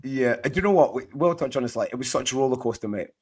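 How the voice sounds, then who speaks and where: A man with a Scottish accent hosts a football chat in a hoarse voice worn out from shouting. He rambles in a matey, enthusiastic way, at a middling pitch. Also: lively intonation, very fast. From Scotland. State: hoarse, voice partly lost from shouting. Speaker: podcast host. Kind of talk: casual fantasy football chat.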